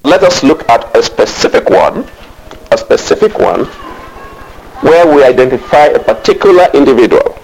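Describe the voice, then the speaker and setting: A man's voice: medium pitch, sing-song, moderate pace, gravelly, darkish tone, slight background noise, rough recording. A man preaching a sermon as pastor. He calls out to the congregation, asks them questions and often adds hallelujahs. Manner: call-and-response preaching, frequent hallelujahs.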